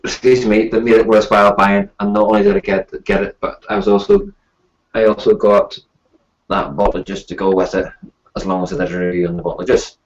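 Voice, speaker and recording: A man with a fairly low voice hosts a casual live stream. He talks informally, like a reviewer chatting with regular viewers. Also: brisk, highs cut off.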